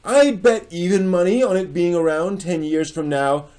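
Speaking from a small furnished room with bookshelves in his home, a host in his forties delivers a dramatic reading mixed with casual commentary. He has a high voice with a darkish tone and a moderate pace, and his manner is emphatic and theatrical.

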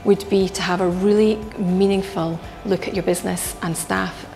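A middle-aged woman talks earnestly about her hotel, often pausing on ums and restarting her phrases. Her voice sits at an ordinary pitch. Clear music plays under her in an indoor bar. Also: steady tone, a little mellow. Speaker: hotel director. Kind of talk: filmed workplace interview. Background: background music.

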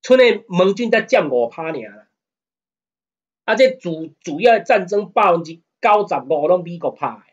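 A man with a Taiwanese accent delivers a casual law lecture in Taiwanese Hokkien mixed with Mandarin, his high voice animated at normal speed, slightly rough, and lo-fi. He's conversational, often asking "you know what I mean?", and gets heated and emphatic when he argues.

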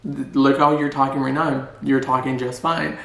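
A man's voice: mid-range voice, flat delivery, normal speed, creaky, a bit bright. A man voicing his stern, disapproving mother, who scolds him about how he talks. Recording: roomy echo.

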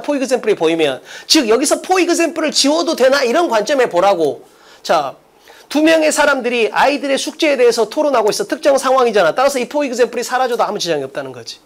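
A man lecturing on an English exam, emphatic and blunt, constantly firing rhetorical questions at his students. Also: very high-pitched. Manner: emphatic, quizzes listeners with rhetorical questions, blunt casual speech. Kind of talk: energetic classroom lecture.

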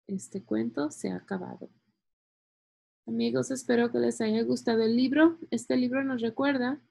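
A woman reading a children's book aloud like a teacher. She explains words gently and speaks directly to the young listeners. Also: fairly high pitch, vocal fry, slightly rough.

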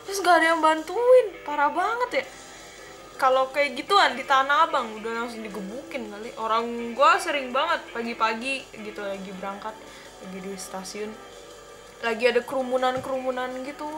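A young woman from the Jakarta area telling a rambling story while playing a game, often breaking off to react loudly to what happens on screen. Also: high-pitched, normal speed, music in the background. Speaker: gameplay commentator. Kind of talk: casual gameplay commentary and storytelling.

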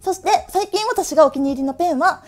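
A woman's voice: high voice, fast, soft background music. A woman in her late thirties with a Tokushima Awa-dialect accent, chatting cheerfully to camera in a stationery vlog and laughing often. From Tokushima, Japan. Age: late 30s. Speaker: stationery vlogger. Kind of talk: casual chat to camera.

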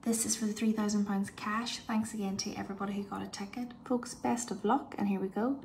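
Speaking a little fast in a level, darkish tone at medium pitch, this woman runs a live online prize draw, announcing numbers and winners like a bingo caller. The footage, shot indoors, shows a tablet screen, with distinct background noise.

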